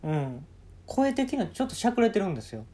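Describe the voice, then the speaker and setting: A man's voice: high voice, big pitch swings, fast, mellow. A man with a Kansai accent, hosting solo and telling a comic story in a casual, conversational way, acting out bits of dialogue. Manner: conversational, acts out quoted dialogue. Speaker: solo podcast host. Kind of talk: casual comedic storytelling monologue.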